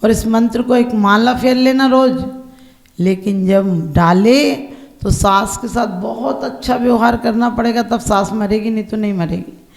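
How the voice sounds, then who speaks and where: A calm, wise father gives slow, careful advice, voiced by a woman preacher. The tone is gravelly and the sound echoes around the room. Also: on the high side.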